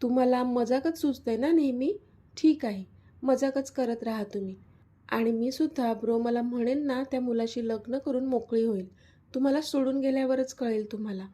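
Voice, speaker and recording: A woman's voice: a little high, moderate pace, warm tone, close to an everyday voice. A woman voicing a pouting, tearful young woman in a storybook love story. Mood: sulky. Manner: pouting, pleading.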